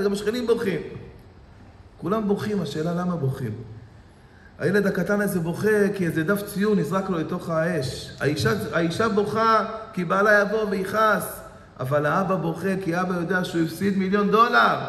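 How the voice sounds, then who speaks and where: A man's voice: high voice, creaky, a bit bright. A man giving a sermon as a rabbi, telling a parable dramatically with lots of repetition. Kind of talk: sermon with storytelling. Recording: echoey hall reverb.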